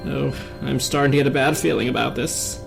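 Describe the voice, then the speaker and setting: A woman voicing a mischievous male spirit of chaos in a dramatic comic reading, with gravelly, mock-sweet, hammy stage-actor delivery. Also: very deep voice, steady tone, brisk, over music, heavily acted, rough recording.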